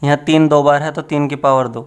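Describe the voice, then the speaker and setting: A young man teaching maths with a playful, chatty delivery that slips in teasing asides. His voice sits a little high for a man. He works through the problems in a relaxed classroom manner. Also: a little fast, clear, resonant tone. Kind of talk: casual maths lesson.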